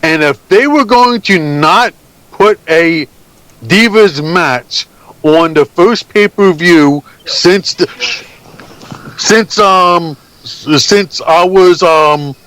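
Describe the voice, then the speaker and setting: A man on a sports talk panel, halting and searching for words. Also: high voice, a bit bright, low-quality recording. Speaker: guest panelist. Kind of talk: casual sports talk review.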